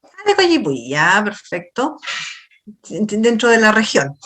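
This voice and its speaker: A middle-aged woman with a Chilean accent giving a university class over a video call, chatty and questioning her students, explaining in a halting way. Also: mid-range voice, huge pitch swings, fairly bright tone. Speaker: university lecturer. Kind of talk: online class lecture.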